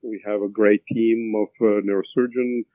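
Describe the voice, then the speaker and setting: A neurosurgeon in his fifties with an Albanian accent answers interview questions as a guest, haltingly, with many fillers and restarts. His voice is on the low side and his delivery flat. The recording is dry with no echo, over a tinny, phone-like line.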